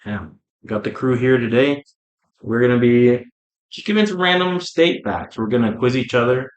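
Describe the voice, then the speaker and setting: A man's voice: medium pitch, moderate pace, lo-fi sound. Laid-back young man, echoey room. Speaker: podcast co-host. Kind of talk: casual chat.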